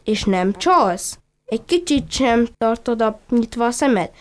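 A cheeky little duckling, eager and chatty, with a teasing streak, as a woman storyteller puts it on. The voice is fairly high, smooth and clear. It belongs to a children's storybook reading. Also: lively intonation, natural voice. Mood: playful.

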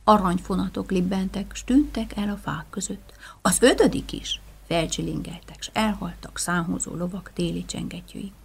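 A woman tells a first-person folk tale with great drama. Her voice is husky and gravelly. She drops to hushed whispers, then rises to loud, rhythmic chanted lists. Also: on the low side, steady tone. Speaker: storyteller.

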